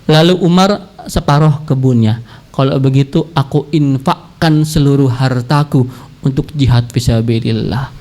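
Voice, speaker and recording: A man's voice: medium pitch, unhurried, a little mellow, pitched below the performer's own voice, natural voice. A man preaching a sermon while voicing a devoted, humble old male companion who earnestly offers everything he owns.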